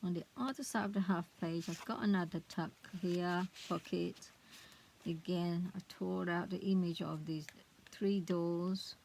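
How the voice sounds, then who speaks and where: Slow, gravelly-voiced woman showing crafts. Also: fairly low pitch, steady tone, a little mellow, slight background noise, poor audio. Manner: chatty, hesitant, trails off searching for words. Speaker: craft vlogger. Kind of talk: casual show-and-tell of a handmade book.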